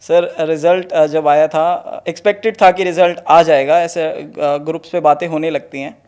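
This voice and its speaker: Young man, fairly high voice, earnest, storytelling, interview guest. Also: steady tone, normal speed, darkish tone, smooth. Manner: earnest, storytelling, says "sir" often. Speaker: interview guest, exam topper. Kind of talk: conversational interview.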